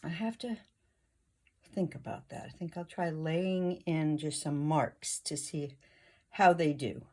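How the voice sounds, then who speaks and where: A woman talking through her oil painting as she works, thinking aloud in a casual, unhurried way. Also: low-pitched, mellow. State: hiccuping. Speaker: painting instructor. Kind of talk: casual painting tutorial narration.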